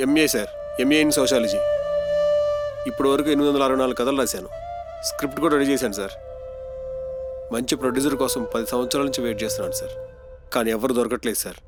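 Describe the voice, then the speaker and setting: An actor playing a humble aspiring screenwriter who speaks politely and deferentially. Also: male voice, medium pitch, quick pace, long pauses, over music, close to an everyday voice. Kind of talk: film acting.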